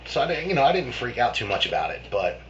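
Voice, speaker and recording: A man's voice: medium pitch, sing-song, fast. A man casually telling a childhood ghost story in a rambling, profane way, full of restarts and fillers. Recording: dull lo-fi with faint hum.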